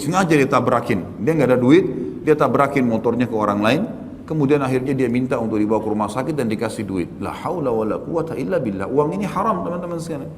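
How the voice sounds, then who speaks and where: A man's voice: mid-range voice, a little hiss or hum. A man giving a religious lecture, speaking straight to his listeners and rising sharply on his key points. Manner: addresses listeners directly, often tags "gitu kan"; lively, exclaims and rises sharply on key points. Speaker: Islamic preacher. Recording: long hall reverb, faint background ambience.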